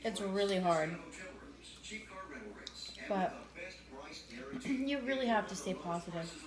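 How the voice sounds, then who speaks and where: This mukbang co-host has a mid-range voice and speaks slowly and animatedly, with a crowd audible behind her. Eating and responding to viewers, she chats informally and repeats herself casually, all in echoey indoor acoustics.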